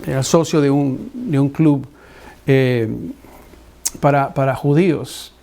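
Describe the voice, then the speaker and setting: Animated male pastor telling a story. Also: medium pitch, slow. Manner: animated storyteller who acts out dialogue. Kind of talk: sermon with personal storytelling.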